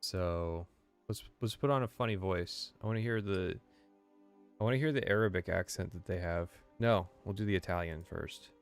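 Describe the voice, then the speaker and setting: A man streaming live, chatting casually in a rambling, profane way with lots of fillers. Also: on the low side.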